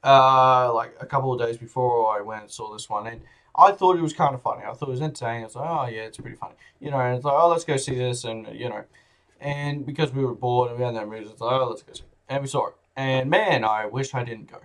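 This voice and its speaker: A man at a mid-range pitch rants through a casual video review, blunt and profane. He wanders off track and circles back to his point. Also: quick pace, fairly bright tone. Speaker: film reviewer.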